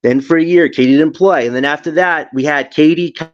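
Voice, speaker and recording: A man's voice: fairly high pitch, brisk, soft background music. A man in a heated sports debate, heard over a remote call whose audio glitches and breaks up into a robotic sound. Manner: argues in long runs of points. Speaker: podcast panelist. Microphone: remote video call. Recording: muffled lo-fi internet call.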